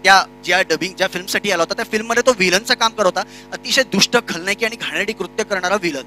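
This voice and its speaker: A man teaching voice-over and radio skills in a workshop, explaining and acting out short demonstrations in a lively way. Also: high voice, rapid-fire, faint music behind. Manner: lively, switches between demo voices and plain explanation. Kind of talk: workshop lecture with spoken demonstrations. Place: workshop room.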